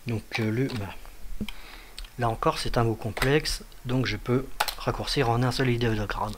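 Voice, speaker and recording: A man presents a casual computer tutorial at his desk, his voice sitting at an ordinary middle pitch. He thinks aloud, pausing on fillers as he types out live examples. Faint keyboard clatter and mouse clicks run underneath. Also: noisy background. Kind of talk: casual screen-share tutorial.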